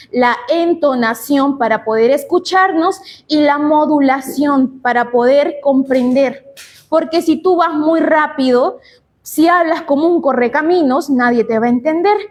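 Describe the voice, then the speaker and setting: A woman's voice: high voice, a little mellow. A young Peruvian woman giving a conference talk on public speaking, asking rhetorical questions and answering them herself. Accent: Peruvian Spanish. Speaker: speaker at a regional congress.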